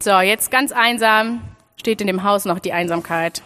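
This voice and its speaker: A young woman from Freiburg giving an animated children's sermon and speaking straight to her listeners. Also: mid-range voice, moderate pace. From Freiburg, Germany. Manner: animated storytelling, addresses listeners directly.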